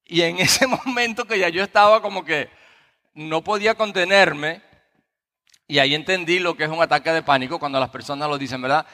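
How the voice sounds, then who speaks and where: A pastor delivering a sermon, telling a personal story with frequent tag questions before reading scripture. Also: male voice, fairly high pitch, a little fast, sharp tone. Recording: long reverb of a large hall.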